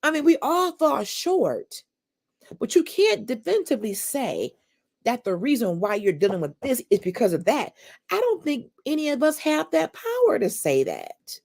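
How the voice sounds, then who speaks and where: A woman's voice: a little high, big pitch swings, normal speed, creaky, darkish tone. A middle-aged woman hosting a faith-based talk show, speaking in an emphatic, preacherly way and calling listeners sisters. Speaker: podcast host.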